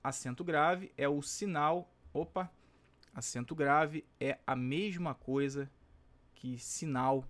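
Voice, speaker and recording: Man, Brazilian Portuguese accent, teacher, exam-prep lesson, slightly high voice, chatty tag questions. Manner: stretches out example words slowly.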